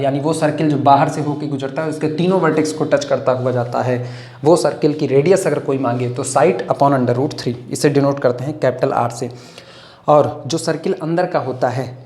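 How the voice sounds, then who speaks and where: A man teaching math in a lecture, slowly dictating formulas word by word and explaining with homely comparisons. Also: medium pitch, a little mellow, reverberant. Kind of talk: classroom lecture, dictating notes.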